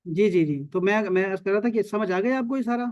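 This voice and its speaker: High-voiced man teaching over a video call. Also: darkish tone, no room sound, lo-fi sound. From Pakistan. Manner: repeats key terms, checks understanding often. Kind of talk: online Arabic and Quran lesson.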